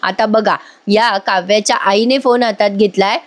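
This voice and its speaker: A woman's voice: mid-range voice, fairly even intonation, normal speed, no room sound. A woman casually retelling a TV serial episode, chatting directly with her viewers. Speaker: serial recap host. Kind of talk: casual storytelling recap.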